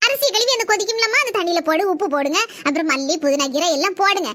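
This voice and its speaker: A high young voice playing a patient village mother in a comic family skit. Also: very fast. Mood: instructing. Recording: noisy homemade recording.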